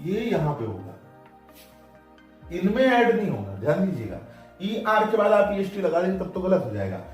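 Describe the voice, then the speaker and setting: A man teaching a grammar lesson at a board, lively and often telling students to pay attention. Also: sits high. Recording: very echoey room, voice from far off, faint music.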